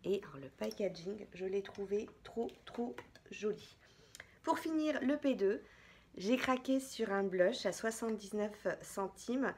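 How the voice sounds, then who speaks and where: A woman's voice: medium pitch, lively intonation, a little slow, darkish tone, slight background noise. A woman beauty vlogger chatting casually through a product haul, chatty and hesitant, with many fillers.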